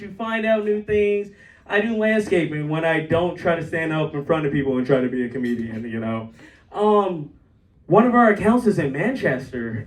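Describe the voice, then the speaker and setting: A young man doing a stand-up set, telling stories and jumping into high, acted quotes. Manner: storytelling with bursts of high-pitched acted quotes. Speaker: stand-up comedian. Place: comedy club stage. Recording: roomy club sound from far off.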